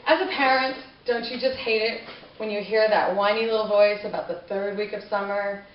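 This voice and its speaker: A woman's voice: mid-range voice, fairly even intonation, normal speed, slight background noise. A woman who is a parent giving a conversational persuasive speech to a class, asking the listeners rhetorical questions. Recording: distant, roomy, dull classroom recording.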